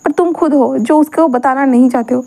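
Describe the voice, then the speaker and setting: A woman voicing a caring older brother who asks gentle, coaxing questions and gives advice. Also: sits high, fairly quick, vocal fry.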